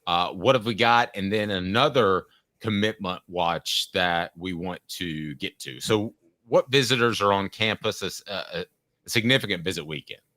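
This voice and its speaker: A man hosting a sports talk show, chatting casually and thinking aloud in a measured way. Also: low-pitched, pushed and bright, no echo, clean studio sound.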